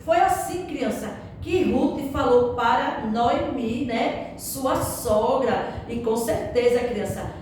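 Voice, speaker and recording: A Brazilian woman teaches a Bible story to small children, speaking very slowly in a sing-song voice and turning to the child again and again with drawn-out questions. Her voice sits fairly high for a woman. She is heard from a distance in a strongly echoing room, with faint noise underneath. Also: lively intonation, a little mellow. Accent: Brazilian Portuguese. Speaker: Sunday school teacher. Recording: echoey room, far from mic, faint background noise.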